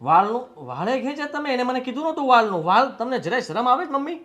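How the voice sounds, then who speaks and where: A man's voice: very high voice, very animated, quick pace, fairly bright tone, soft background music, heavily acted. Man playing an indignant young husband. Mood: angry. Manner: indignant, scolding. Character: young husband siding with his wife against his mother. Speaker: son and husband. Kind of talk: family drama acting.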